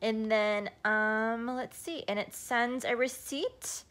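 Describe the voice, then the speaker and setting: A woman's voice: on the high side, steady tone, slow, a bit bright. A woman in her thirties vlogging casually into a phone camera at arm's length, chatty and upbeat with plenty of ums, first at home and then in her car. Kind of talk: casual vlog walkthrough.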